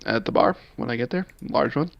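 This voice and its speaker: A man playing a tabletop game, chatting in an excitable, playful way. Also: mid-range voice, fast, gravelly. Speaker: player. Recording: dull lo-fi audio.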